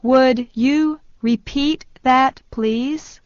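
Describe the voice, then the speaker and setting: Very slow woman repeating phrases. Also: high-pitched, darkish tone, clean tone, no echo. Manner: very slow, deliberate delivery. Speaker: phrase reader. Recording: dull lo-fi dry sound.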